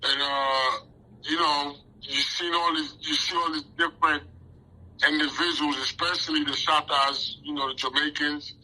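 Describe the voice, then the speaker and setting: A man's voice: fairly high pitch, fairly even intonation, normal speed, pushed and bright, low-quality recording. A man in his forties, born in Haiti, answering interview questions in a casual, rambling way with lots of fillers and restarts. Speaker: interview guest.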